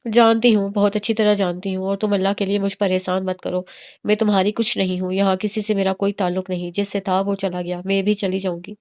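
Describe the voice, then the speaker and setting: A proud, hurt young woman, voiced by the reader in an audio romance novel, bitter and quick to take offense. Her voice sits mid-pitched and stays flat and level. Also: lightly acted.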